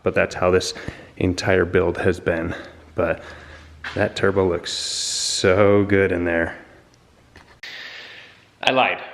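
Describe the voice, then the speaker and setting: A man with a low, deep voice chats to the camera while he wrenches on a project car in a garage. He sounds eager and casual, and his voice drifts nearer and farther from the camera mic as he moves around the work. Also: reverberant. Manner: excited, chatty, talks to camera while working on the car. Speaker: car builder and channel host. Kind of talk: casual garage build vlog.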